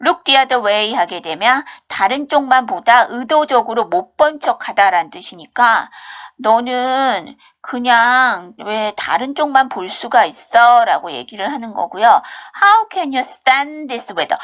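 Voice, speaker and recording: A woman teaching an English lesson, explaining step by step, asking and answering her own questions, and reading example sentences slowly and with exaggeration. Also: a little high, muffled recording. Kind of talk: recorded online English lesson.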